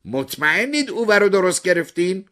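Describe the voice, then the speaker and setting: A man voicing an excitable, blunt young woman neighbor who talks in loud, emphatic bursts. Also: high-pitched, pitched above the performer's own voice. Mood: alarmed.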